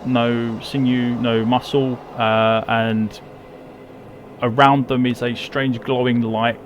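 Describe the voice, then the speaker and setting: A man's voice: mid-range voice, level tone, takes it slowly, lo-fi sound, a little hiss or hum. A man running a tabletop game as game master, narrating in a hesitant way as if thinking aloud. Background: music.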